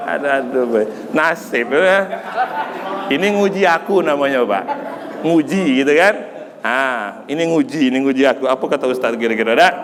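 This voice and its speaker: A man preaching a sermon, joking with the audience and swinging between soft asides and loud preaching. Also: mid-range voice, animated, moderate pace, crowd noise, noisy background. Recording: long hall reverb.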